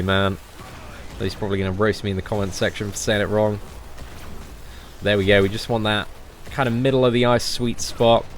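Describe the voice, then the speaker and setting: Chill guy talking through a boss fight, lowish voice, bit of faint noise behind. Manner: relaxed chatty guide, many fillers, excited bursts. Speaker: gaming channel host. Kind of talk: casual game commentary.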